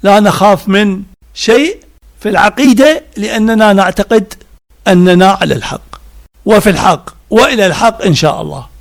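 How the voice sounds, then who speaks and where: A man giving a religious lecture, slow and deliberate, stacking synonyms one after another with emphatic repetition. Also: sits high.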